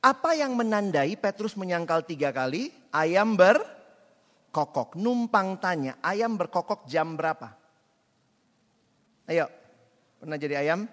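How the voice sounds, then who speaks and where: A man preaching a sermon with a very high, bright, forceful voice. He talks animatedly, acts out dialogue and swings between loud bursts and quiet passages. The long reverb of a church hall trails behind every phrase. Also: expressive, measured pace, long pauses.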